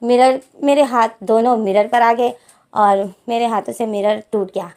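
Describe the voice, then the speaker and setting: A woman's voice: fairly high pitch, steady tone, a little slow, a little mellow. A woman voicing a young man who protests and pleads with his scolding mother in a told fanfiction story. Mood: whiny pleading.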